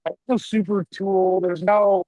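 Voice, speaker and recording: A slightly high-voiced man asks a long, searching question that he keeps restarting and rewording. His line keeps cutting out, so the ends of his words drop away in choppy gaps. The sound is dry and close, with no room around it. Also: fairly even intonation, measured pace, warm tone, no room sound, muffled recording. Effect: choppy connection cutting out word endings. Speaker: podcast host. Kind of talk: remote video-call interview.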